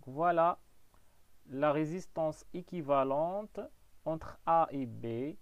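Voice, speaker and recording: A physics teacher, giving a classroom lesson and explaining step by step, often saying "donc" and "voilà". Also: male voice, a little high, slow pace, clear, resonant tone, no echo, muffled recording. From Morocco.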